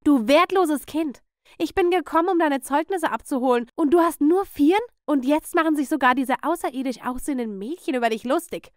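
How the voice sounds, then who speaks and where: A woman voicing a cruel, domineering middle-aged aunt who shouts and scolds. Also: high voice, fairly quick, no room sound, clean studio sound, pitched above the performer's own voice, close to an everyday voice. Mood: furious.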